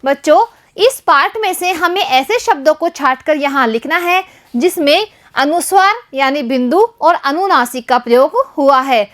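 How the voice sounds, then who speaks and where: With a high, bright, animated voice, a woman from Rajasthan, India, walks young pupils through a Hindi lesson. She is slow and patient, often speaking to the children directly, and stresses each syllable deliberately, as a primary teacher would.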